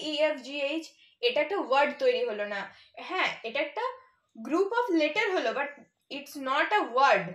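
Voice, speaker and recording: A woman teaching a children's English lesson, spelling out words slowly and patiently, letter by letter. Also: high voice, fairly bright tone. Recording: echoey room.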